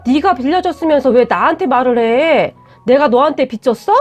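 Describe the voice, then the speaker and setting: A woman's voice: high voice, expressive, normal speed, a little mellow, muffled recording, soft background music. A woman doing a curt, defensive young fiancé. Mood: scolding. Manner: blunt and scolding.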